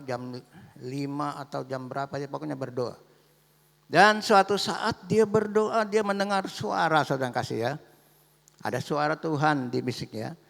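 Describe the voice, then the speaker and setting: A male pastor preaching a sermon, telling a story to his congregation and calling them by a warm form of address. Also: medium pitch, gravelly. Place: church sanctuary. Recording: echoey church hall.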